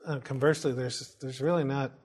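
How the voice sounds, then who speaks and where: Male co-host, mid-pitched, reflective and steady. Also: fairly quick, husky. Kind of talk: casual studio talk show.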